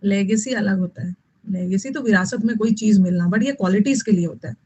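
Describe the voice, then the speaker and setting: A woman's voice: mid-range voice, brisk, a little mellow, husky, rough recording. A woman teaching English vocabulary in an online exam-prep lesson, repeating key words and scolding students.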